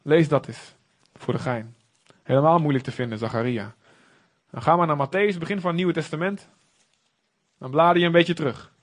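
A man's voice: a little high, moderate pace, pauses often. A man preaching a sermon in an earnest, conversational way, with emphatic moments.

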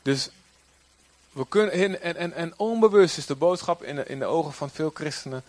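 A man preaching a sermon in a lively way, sometimes acting out quoted figures in a raised voice. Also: fairly high pitch, normal speed, no echo.

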